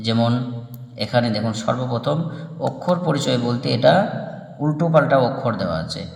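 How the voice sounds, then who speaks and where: A man's voice: mid-range voice, a little fast, creaky. A man teaching a beginners' reading lesson, patiently naming letters one by one and drawing out some of them in a chant. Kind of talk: slow step-by-step lesson. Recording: echoey room with long reverb.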